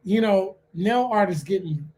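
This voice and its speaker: Relaxed man reflecting in casual chat. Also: high voice, a little slow. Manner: relaxed, reflective, many fillers. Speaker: podcast co-host.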